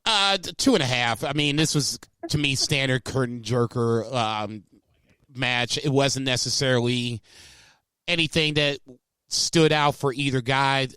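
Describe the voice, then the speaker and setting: A man's voice: mid-range voice, unhurried, bright, forceful tone, clean tone, no echo. A man co-hosting a podcast, giving rambling, laid-back opinions in casual chat. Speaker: podcast co-host.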